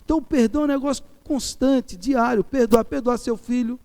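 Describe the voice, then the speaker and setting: A middle-aged Brazilian man preaching a sermon with a Brazilian Portuguese accent. He repeats key phrases and swings from loud, emphatic peaks to soft, pleading lines. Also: very high voice, brisk. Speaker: pastor.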